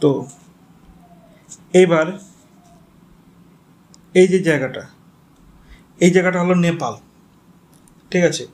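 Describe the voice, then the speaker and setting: A man's voice: a little high, takes it slowly, long pauses, darkish tone. A man with a Bengali accent giving a geography lecture for exam students, explaining step by step, spelling names out and checking in with the class. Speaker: teacher.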